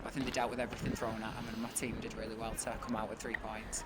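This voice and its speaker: A woman's voice: a bass voice, level tone, rapid-fire. A woman giving an informal, chatty and emphatic post-match interview as a football coach, outdoors in the wind. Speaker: football team manager and coach. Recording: windy outdoor recording with clear noise.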